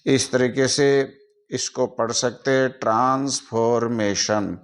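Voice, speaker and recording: A man teaching with a Hindi accent, speaking very slowly in a smooth, clear voice. He spells out each word one letter at a time and speaks plainly to his students. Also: medium pitch, fairly even intonation. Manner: spells out English words letter by letter. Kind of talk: explaining to students.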